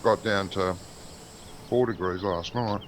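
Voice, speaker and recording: A man's voice: low-pitched, steady tone, takes it slowly, a little hiss or hum. A man with an Australian accent chatting casually with other players, making dry jokes. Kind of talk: casual stream chat.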